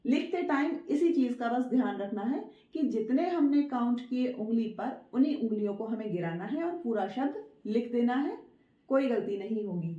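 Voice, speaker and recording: A woman with a high, bright-pitched voice teaches a writing lesson in a patient, repetitive way. She stretches words out slowly, one syllable at a time. The sound is roomy and a little dull. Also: animated. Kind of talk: Hindi dictation lesson.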